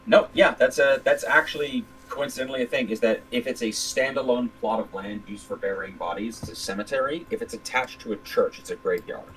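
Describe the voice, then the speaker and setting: A man's voice: mid-range voice, brisk, few pauses, fairly bright tone, a little hiss or hum, rough recording. A man running a tabletop game as game master, narrating scenes with many fillers and restarts.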